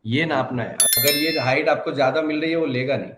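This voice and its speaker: A man's voice: fairly high pitch, fairly quick, echoey room, heavy background noise. A man, a car diagnostics trainer answering questions in a live online class with confident, reassuring instruction.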